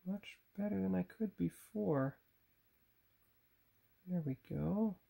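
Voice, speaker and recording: His voice is high-pitched, creaky and dark in tone, and he speaks slowly. The model builder and channel host casually guides viewers through painting his model at the workbench, musing aloud and self-correcting, with a phone camera on a tripod doing the recording.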